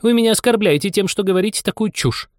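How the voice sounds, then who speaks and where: A man reading a Russian storybook aloud and voicing a touchy, easily offended mouse in a high, indignant voice. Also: animated, moderate pace, a bit bright, dry recording, clean studio sound. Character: touchy long-winded mouse, quick to take offense.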